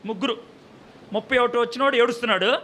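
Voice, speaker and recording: A man preaches a sermon in a high, sharp voice, asking his listeners questions and answering them himself. He now and then acts out short exchanges with humor. A faint hiss sits under the recording. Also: quick pace.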